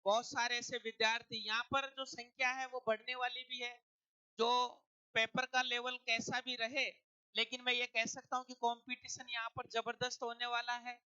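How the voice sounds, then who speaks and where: A man's voice: extremely high pitch, level tone, moderate pace, sharp tone, smooth, no room sound, muffled recording. A man teaching an exam-prep lecture, explaining step by step and asking and answering his own questions.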